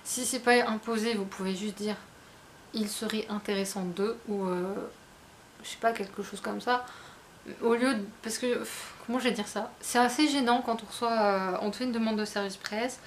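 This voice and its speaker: Woman, casual chat, rambling, restarts, mid pitch, faint background noise. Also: steady tone, moderate pace. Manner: chatty, rambling, with many fillers and restarts. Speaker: book vlogger.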